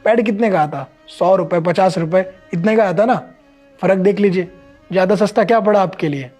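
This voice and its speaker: A man's voice: high-pitched, a little fast, darkish tone, faint music behind. A man playing a customer who becomes a doctor, lecturing earnestly and with reproach in a short social-message skit.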